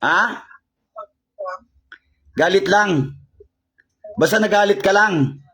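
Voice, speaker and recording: Slowly, in a high voice that is sharp with a breathy edge, a male faith healer broadcasts live. He issues the same commands repeatedly while interrogating a spirit during this healing and exorcism.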